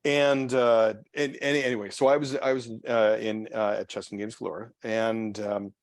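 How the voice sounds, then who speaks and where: A pastor leading a church study group, talking casually and haltingly with many restarts and repeated words. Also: male voice, on the low side, little pitch movement, no room sound, studio quality. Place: church meeting room.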